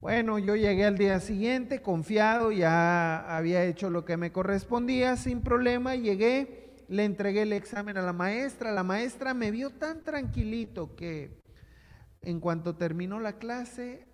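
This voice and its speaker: High-voiced northern Mexican pastor, echoing hall. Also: male voice. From Hermosillo, Sonora, Mexico. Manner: animated storyteller, acts out voices. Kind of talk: storytelling sermon.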